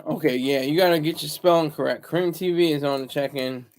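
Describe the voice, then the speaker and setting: Streaming casually from an indoor room at home, this male host talks in a purposely lowered, hushed way. His voice is gravelly and pitched a bit high for a man, and he regularly trips over and repeats words while chatting with his audience.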